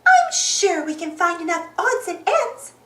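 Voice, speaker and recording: A woman's voice: extremely high pitch, big pitch swings, a little slow, a bit bright, roomy sound, voice pushed up, heavily acted. A woman voicing a sweet, cheerful female cartoon mouse for a children's storybook. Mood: encouraging, sweet. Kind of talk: children's storybook read-aloud.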